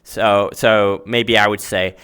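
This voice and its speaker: His voice is on the low side, clear and resonant with a fairly bright tone, and he delivers flatly and slowly. He's a Finnish-native host and math teacher giving a relaxed explanatory lesson in a virtual reality chat world, hunting for words and checking in with "right?".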